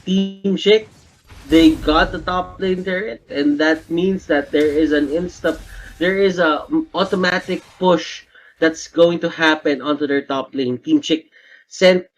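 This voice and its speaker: Excited male esports caster. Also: measured pace, low-quality recording. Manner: shouts high and excited in big plays. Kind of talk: live esports play-by-play commentary.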